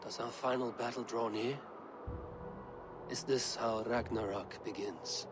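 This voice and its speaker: An actor playing a commanding Norse high god in a video game, grave and imperious, with dramatic delivery. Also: male voice, steady tone, a little slow, background noise, lightly acted. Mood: brooding, defiant. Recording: music under the voice.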